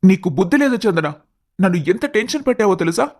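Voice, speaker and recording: An earnest, lovestruck young man in a cartoon story, pleading and heartfelt. His voice sits noticeably high for a man. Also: sing-song, fast, a little mellow, heavily acted. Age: young adult.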